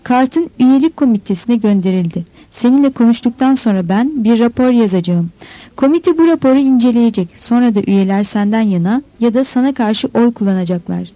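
A woman voicing a nervous, earnest man under forty who forces himself to sound gentle. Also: on the high side, expressive, brisk, dry recording, close to an everyday voice, poor audio.

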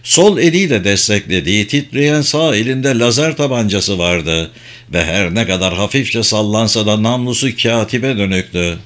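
A man reading a novel aloud as narrator in a measured, even manner. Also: lowish voice. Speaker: audiobook narrator. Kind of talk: scripted narration.

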